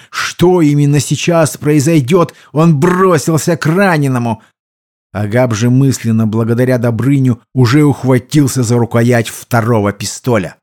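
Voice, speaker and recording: Brief: male audiobook narrator, mellow warm tone, measured delivery. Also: medium pitch. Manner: steady, measured storytelling. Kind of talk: scripted narration.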